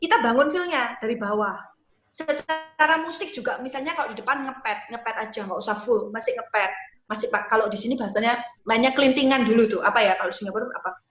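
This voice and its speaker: Bright, high-voiced woman teaching worship. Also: quick pace, reverberant. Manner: lively, demonstrates prayer phrases and sings snippets. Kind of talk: casual teaching talk.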